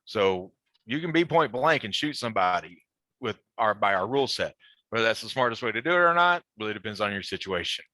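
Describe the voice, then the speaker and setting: Low, bright-voiced man explaining tactics. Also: animated, brisk, no room sound. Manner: loose, conversational, full of fillers and restarts. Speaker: melee command instructor. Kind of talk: explaining tactics in a group call.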